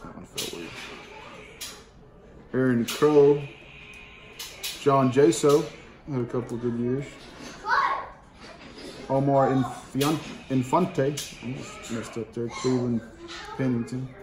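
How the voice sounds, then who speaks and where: Taking it slowly with long pauses, a medium-pitched man calls off baseball card names individually in a plain, slangy style. As a card collecting channel host, he's giving casual card-opening commentary indoors in his home dining room. A camera placed on the table before him records the steady noise of the room.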